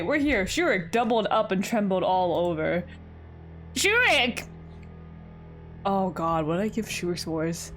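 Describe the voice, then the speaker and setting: A woman reads a visual novel aloud for her playthrough, breaking off into chatty, giggly commentary. Her voice sits in an ordinary middle range. Faint game music plays underneath. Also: mid-range voice. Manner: chatty, giggly asides between narration. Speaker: let's play host.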